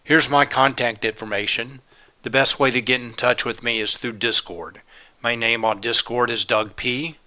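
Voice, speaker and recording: This live trading webinar presenter, a man, has a sharp tone and a mid-range, steady voice at a moderate pace. He lists steps and items plainly in a methodical way. He sounds slightly congested, with a sore throat from a cold.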